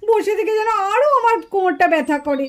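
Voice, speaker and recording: Lady playing a fussy old mother-in-law in a puppet cartoon, high voice, lively, grumbles and scolds. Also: quick pace. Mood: chiding. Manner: scolding, a little plaintive. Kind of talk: puppet show voice acting.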